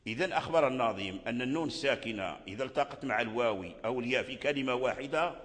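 A man with a Moroccan accent teaching Quran recitation rules step by step, chanting short verse examples slowly to illustrate each point. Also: mid-range voice, fairly bright tone, big-room sound. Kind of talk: tajweed lesson.

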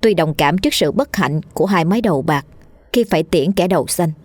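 A woman narrating a horror story in a steady storytelling manner. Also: lowish voice, brisk, no room sound.

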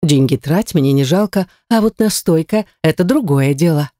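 A woman voicing a smug, domineering male rector who teases in a low, mocking drawl. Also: animated, moderate pace, dark tone, no echo, studio quality. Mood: teasing.

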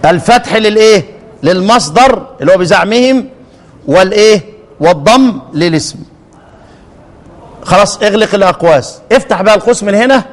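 A man's voice: sits high, lively intonation. Egyptian man teaching in a reverberant hall. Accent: Egyptian Arabic. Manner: questioning students, chanting verses slowly. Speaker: Quran recitation teacher. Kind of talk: classroom lesson explaining verse.

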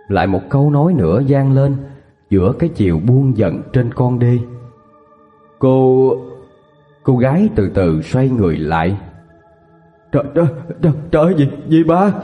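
A man with a Southern Vietnamese accent narrating a scripted horror story in a steady manner. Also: mid-range voice, narrow, tinny audio. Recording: long reverb with faint music.

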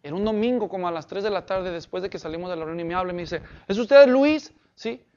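A man's voice: sits high, fairly even intonation, rapid-fire, smooth, muffled recording. A man preaching a sermon as pastor, emphatic and often asking the congregation questions.

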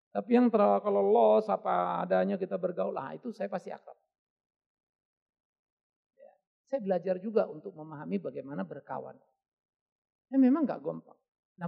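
A man preaching a sermon in a lively, conversational way, acting out quoted asides. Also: high voice, creaky. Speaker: pastor. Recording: dull lo-fi audio.

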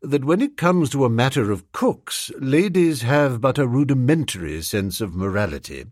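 A male audiobook reader voicing a deferential manservant who speaks in a low, measured, formal and unruffled way. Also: sing-song, darkish tone, dry recording, studio quality. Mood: rueful.

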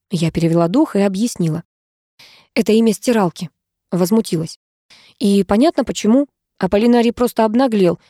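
Female audiobook narrator, wry and even; mellow tone, dry. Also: a little high, dry recording. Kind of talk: scripted narration.

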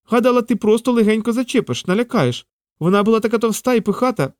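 A man voicing an excitable young female squirrel in a storybook, with a shrill, squealing voice. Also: quick pace, dry recording, studio quality. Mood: horrified.

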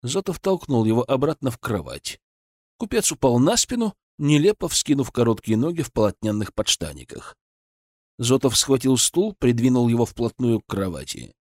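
A man reads first-person fiction aloud for an audiobook in a dramatic narration. His pitch rises and falls with animation. The recording is dry with no room sound. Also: big pitch swings, normal speed, darkish tone, no echo.

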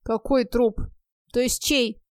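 A furious, jealous husband shouts his commands, put on by a woman narrating a storybook. He barks short orders in a loud, forceful voice. The recording is dry and close. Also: a little high, steady tone, slow pace, no room sound. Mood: alarmed. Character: angry jealous husband, adult man.

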